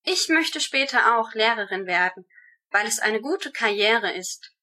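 A woman giving rehearsed answers to German speaking-exam questions in a steady, measured way. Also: on the high side.

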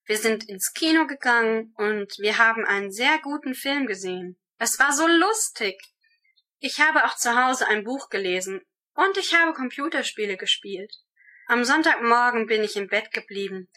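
A woman works through prepared speaking-exam answers in a steady, measured recital. Her voice sits a touch high and sounds bright and clear. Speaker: student answering exam questions.

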